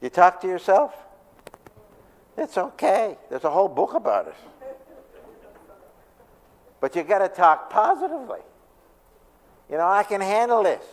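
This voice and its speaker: Male pastor chatting thru a stress talk, kinda high voice, big echoey church. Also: wildly swooping pitch, a little slow, pauses often. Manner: conversational, asks the audience questions. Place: church sanctuary. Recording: long reverb of a church hall.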